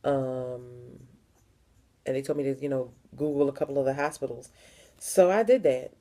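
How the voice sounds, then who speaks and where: A young woman from the Philadelphia area speaks straight to the camera in a personal vlog. Her voice sits low and sounds warm and mellow. She talks frankly and leans on repeated words for emphasis. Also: normal speed. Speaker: vlogger.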